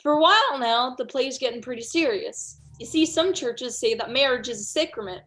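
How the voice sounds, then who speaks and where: Brief: young woman as a folksy, chatty stage manager in a school reading, slightly high voice. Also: animated, brisk, fairly bright tone. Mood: musing. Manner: chatty, plainspoken storytelling. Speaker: student actor. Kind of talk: amateur play reading.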